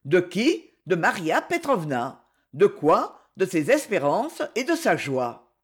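A man's voice: high voice, slow, breathy edge, heavily acted. A man reading as a gleeful old general. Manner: lively, jovial, laughing delivery.

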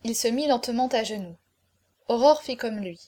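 A woman's voice: a little high, moderate pace. Woman narrating a classic novel. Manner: dropping quietly on speech tags. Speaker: audiobook narrator.

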